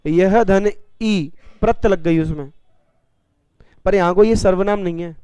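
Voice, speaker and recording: A man teaching a classroom grammar lesson, dictating slowly and repeating phrases for students to write, with playful everyday examples. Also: sits high, warm tone, clean tone, dry recording. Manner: addresses students as "beta", jokey examples. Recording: dry, slightly dull classroom recording.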